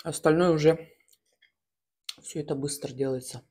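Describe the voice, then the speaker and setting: A woman in her thirties chats casually and slangily while eating in a mukbang, chewing and smacking, with pauses between bites. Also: low-pitched, steady tone, dark tone, breathy edge. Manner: colloquial, slangy. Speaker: mukbang host. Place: small room at home, at a table.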